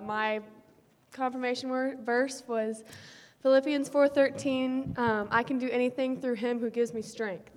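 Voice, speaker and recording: A woman's voice: fairly high pitch, a little mellow. A young woman, a student, introducing herself shyly and hesitantly with many fillers. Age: young adult. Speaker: graduating student. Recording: long hall reverb with faint noise.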